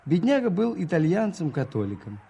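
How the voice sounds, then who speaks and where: Father Brown, high, soft-toned, husky priest. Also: very animated, a little fast, exaggerated voice. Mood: gentle, thoughtful. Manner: gentle, hesitant, understated. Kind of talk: radio play storytelling.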